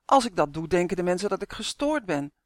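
A reader voicing an unsure young boy in an audiobook, pleading and rising to quick, high outbursts. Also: sing-song, no room sound, studio quality, close to an everyday voice. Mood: upset. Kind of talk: audiobook character voice.

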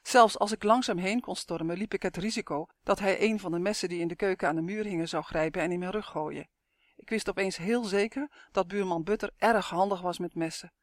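A steady, measured audiobook narrator telling a first-person suspense story at a middle pitch. The voice sits close to the microphone in a dry, dead room with no echo.

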